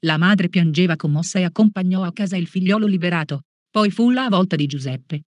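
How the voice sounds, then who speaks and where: Solemn, measured catechism reader. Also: medium pitch, dry recording. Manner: slow, measured, solemn reading. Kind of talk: read-aloud catechesis.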